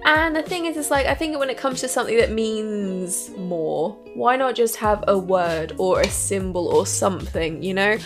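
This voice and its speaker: A woman's voice: mid-range voice, lively intonation, normal speed, few pauses, faint music behind. A woman co-hosting a casual podcast, chatting and reading out stories in a giggly manner. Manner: giggly, laughs through sentences. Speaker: podcast co-host.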